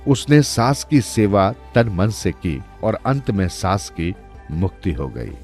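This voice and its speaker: A man telling a folk story in scripted, expressive narration. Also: on the low side, takes it slowly, over loud music.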